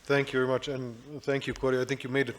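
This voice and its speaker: A man giving businesslike remarks on a conference panel, pausing often on fillers. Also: medium pitch, little pitch movement. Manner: businesslike, with frequent filler pauses.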